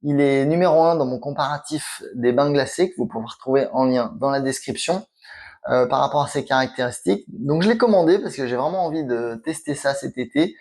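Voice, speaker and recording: A man's voice: fairly high pitch, brisk, a little mellow. A man reviews a product in a conversational, plainly explanatory and informal way.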